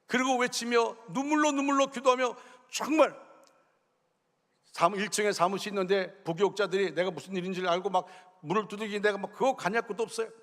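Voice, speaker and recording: High-voiced pastor preaching in a reverberant hall. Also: male voice, steady tone, fast. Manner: emotional storytelling, swinging from hushed to fervent. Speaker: senior pastor. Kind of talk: sermon. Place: church sanctuary. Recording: long reverb of a church hall.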